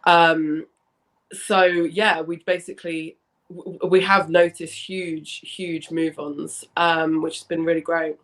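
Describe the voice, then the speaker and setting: Young woman interview guest, bit hoarse and smoky-raspy from a cough, chatty, keeps rephrasing herself. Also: low-pitched, little pitch movement, slow, fairly bright tone. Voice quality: slightly husky, smoky rasp. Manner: chatty, rambling, self-correcting. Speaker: interview guest, founder of a women's football fan community. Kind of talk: casual interview chat.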